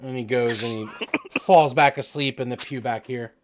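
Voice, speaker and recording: A man's voice: mid-range voice, steady tone, moderate pace, highs cut off, noisy background. A man narrating a tabletop game as the game master.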